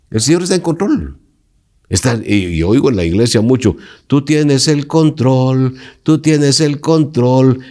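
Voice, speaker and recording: A man's voice: lowish voice, a little mellow, husky. A male pastor teaching a Bible lesson, emphatic and preacherly, putting direct questions to his listeners.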